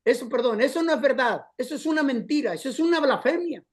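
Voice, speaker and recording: Man, pastor, high-pitched, impassioned sermon, storytelling. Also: animated, fast. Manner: impassioned, addresses congregation as brothers.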